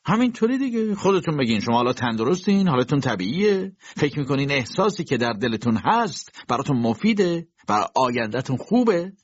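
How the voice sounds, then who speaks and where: A man's voice: mid-range voice, very animated, husky, no echo, lo-fi sound, pitched above the performer's own voice. A man voicing a sardonic older bachelor doctor who lectures mockingly, in an audiobook reading.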